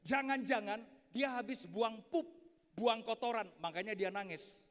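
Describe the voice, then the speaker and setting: A gently worried young wife and mother coaxes her husband to check on the crying baby, as a man acts her out. The voice sits very high and the hall gives it a long reverb tail. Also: a little slow. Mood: coaxing. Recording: echoey hall.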